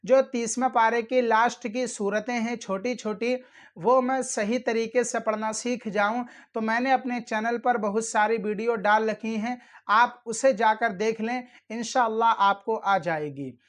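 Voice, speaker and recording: A man with an extremely high, fairly bright voice hosts his channel, teaching prayer rules in an earnest, formal way straight to his viewers. He speaks unhurriedly with fairly even intonation and keeps repeating his warnings.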